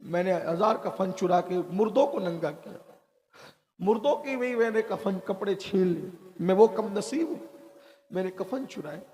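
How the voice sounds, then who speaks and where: A man's voice: high-pitched, lively intonation, moderate pace, warm tone. A man voicing a remorseful young grave robber who pleads and confesses through tears. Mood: confessing.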